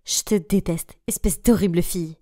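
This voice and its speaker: A woman voicing a shy, gentle French teenage girl who speaks softly. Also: a little high, moderate pace, no room sound, studio quality, natural voice. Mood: upset.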